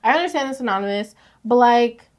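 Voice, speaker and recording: A young woman co-hosting a casual podcast, reading confessions aloud, animated and slangy, laughing often. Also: on the high side, fast talker. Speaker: podcast co-host.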